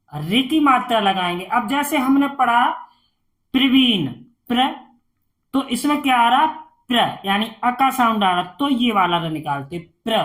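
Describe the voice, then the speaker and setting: A woman teacher giving a reading lesson, saying each word slowly twice and explaining patiently. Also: fairly high pitch, a bit bright. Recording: echoey room.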